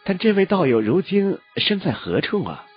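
A man's voice: high voice, very animated, normal speed, husky, voice pushed up, heavily acted. A man voicing a graceful, courteous older woman cultivator in a storybook reading. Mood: gracious. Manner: courteous, coy. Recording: lo-fi with faint music.

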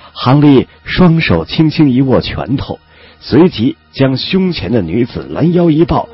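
A man giving an expressive scripted audiobook narration of a fantasy novel. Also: husky, dull audio. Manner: expressive storytelling with lively pitch.

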